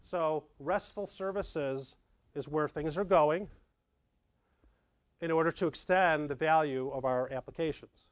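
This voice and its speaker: In a dark meeting room with a projector, a middle-aged man gives a lively, conversational tech talk at a meetup, acting out little scenes for the audience alongside his slides. His voice sits fairly high and his pace is measured, with no echo on the recording.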